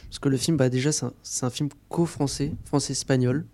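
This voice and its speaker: A man giving a casual film review on a campus radio show, pausing often with fillers and restarting his sentences. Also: mid-range voice, steady tone, mellow, no echo. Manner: hesitant, many fillers and restarts. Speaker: film columnist. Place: radio studio.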